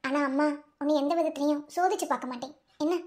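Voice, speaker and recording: A performer voicing a dead mother who speaks gently and pleadingly to her daughter in a dream, with a Madurai Tamil accent. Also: high voice, fast, close to an everyday voice. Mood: tender pleading.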